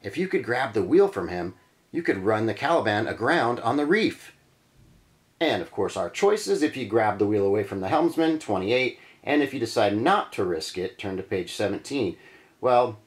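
A man reads an adventure gamebook aloud for his channel, pausing for offhand remarks. His voice is lowish but swings widely in pitch. He leans into the dramatic beats. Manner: lively storyteller, dramatic emphasis. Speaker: channel host reading a gamebook. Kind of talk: reading a gamebook aloud with commentary.

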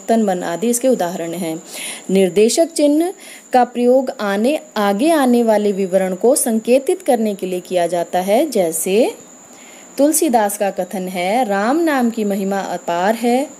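Calm woman teaching a grammar lesson. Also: mid-range voice. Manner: clear, measured teaching tone, slowing for examples.

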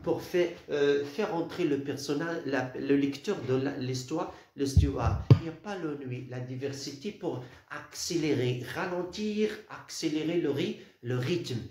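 A male teacher explains a poem in a halting way. He repeats words and restarts often, and his fairly high voice rings through a very echoey room. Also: a little mellow. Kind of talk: literature lesson.

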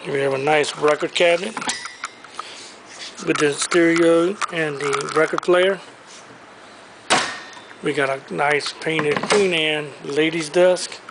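Taking it slowly with long pauses, an enthusiastic auctioneer walks through a large indoor warehouse pointing out items for sale. His voice sits on the high side with a steady tone, and background noise fills the recording from his handheld camera.

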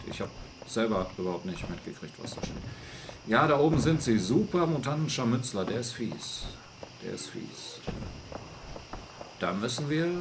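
Excitable German-speaking gaming commentator. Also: male voice, noisy background. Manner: excitable, talks to himself, jumps up to shrill panic. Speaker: let's play host. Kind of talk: live gameplay commentary.

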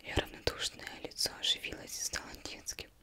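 A young woman reading a novel aloud as ASMR in a breathy, unvoiced whisper, very close, as if right in the listener's ear. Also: fairly quick, pushed and bright. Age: young adult. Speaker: ASMR reader. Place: indoors, plain studio backdrop. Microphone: close microphone.

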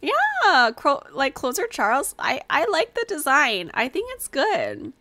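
A young adult woman chats casually and playfully on a gaming livestream, rambling and giggling into a desk microphone in a small room at home. Her high voice swings hugely in pitch, unhurried and sharp-toned. The recording is dry, with music in the background.

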